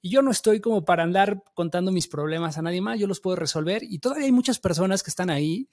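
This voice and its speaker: A man's voice: high voice, lively intonation, quick pace, a little mellow. A man in his thirties with a Mexican accent, hosting a podcast in a casual, slangy way full of fillers. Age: 30s. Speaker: podcast host. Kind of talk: casual interview talk.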